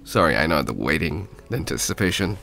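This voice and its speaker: A man's voice: a bass voice, big pitch swings, vocal fry, pushed and bright, faint music behind. A man casually commenting on a video game as he plays, sounding sick and nasal with a stuffy cold. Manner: slow, chatty, talks to viewers while playing. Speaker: gaming YouTuber.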